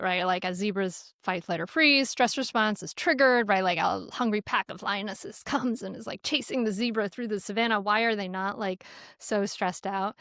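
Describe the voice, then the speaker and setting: A middle-aged woman in an interview, giving parenting advice in an animated, storytelling way, often laughing and restarting her sentences. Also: mid-range voice, no echo, studio quality. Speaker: parenting guest.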